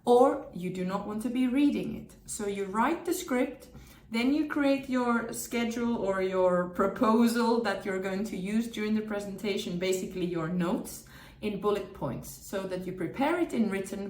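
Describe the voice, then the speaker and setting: An echoey room frames this direct-to-camera tips video from a Finnish communication trainer and presenter, a native Finnish speaker. Her medium-pitched voice is a little mellow at normal speed, and her upbeat delivery relies on emphatic repetition.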